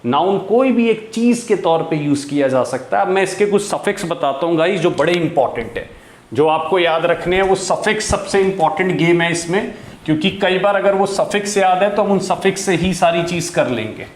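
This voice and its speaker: A male teacher with a high voice and lively intonation leads a Hindi-language English grammar lesson at a moderate pace, recorded with a roomy sound. He repeatedly questions the class, supplies the answers himself, and frequently says "guys."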